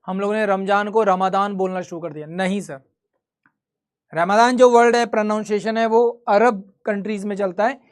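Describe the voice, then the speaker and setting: A high-pitched man teaches a live online history class in Hindi mixed with English, using a chatty, conversational teacher's voice. He keeps quizzing the students and then answering his own questions, moving the lesson along at an easy, talkative pace.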